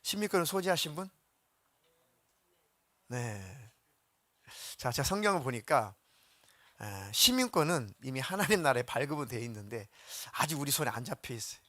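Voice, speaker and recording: A male pastor giving a lively sermon, acting out quotes in voices and putting questions to the congregation. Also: mid-range voice, normal speed, long pauses, dry recording. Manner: animated, acts out biblical quotes in voices.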